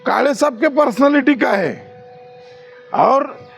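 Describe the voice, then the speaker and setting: High-pitched gravelly male trainer. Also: slow. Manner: quizzes trainees with repeated questions; demonstrates rude and polite ways of speaking. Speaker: security guard trainer. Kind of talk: classroom training lecture.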